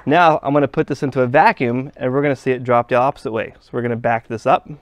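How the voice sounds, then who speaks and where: This HVAC instructor speaks at a medium pitch with a steady, clear, resonant tone and a quick pace. Working with parts at a workshop bench, he gives a plain step-by-step technical demonstration; there's no echo, though the audio sounds dull.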